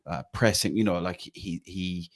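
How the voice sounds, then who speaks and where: A man's voice: low voice, normal speed. An Irish man hosting a fan podcast, chatting casually about football with lots of "like" and the odd swear. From Ireland. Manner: chatty, says "like" a lot. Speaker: podcast host.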